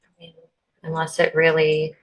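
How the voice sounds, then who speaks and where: A woman's voice: sits low, monotone, normal speed, low-quality recording. A woman trader chatting casually on a live stream, talking about the markets in a matter-of-fact way.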